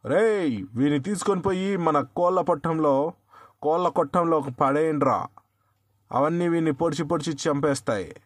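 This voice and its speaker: A man voicing an angry, haughty king in a folk tale, giving orders in loud, raised shouts. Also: mid-range voice, steady tone, a little fast, dry recording, clean studio sound, natural voice. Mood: commanding.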